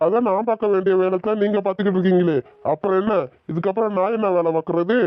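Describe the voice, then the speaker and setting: A woman voicing a calm, dry-witted male village priest in a cartoon, soothing with sarcastic asides. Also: medium pitch, fast, a crowd in the background, close to an everyday voice. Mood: wry. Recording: dull lo-fi recording.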